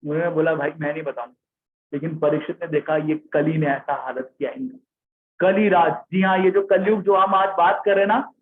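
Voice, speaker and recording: A man narrating a devotional story in a live sermon, lively and often checking in with his listeners. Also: sits high. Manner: lively, checks in with listeners, reads out chat names. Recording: tinny phone-like sound.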